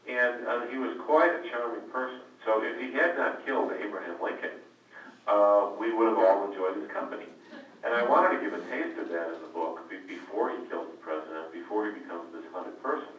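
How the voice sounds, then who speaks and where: A man, an author answering questions on a conference call, telling stories with frequent hesitant restarts and repeated words. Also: fairly low pitch. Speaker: author guest. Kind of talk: conversational storytelling on a conference call. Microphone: conference call line. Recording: echoey, distant, faint noise.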